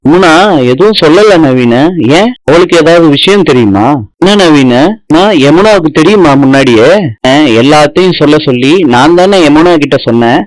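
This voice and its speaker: A man's voice: fairly high pitch, expressive, normal speed, no echo, natural voice, poor audio. A man reading the lines of a defensive middle-aged tailor, in his own plain voice.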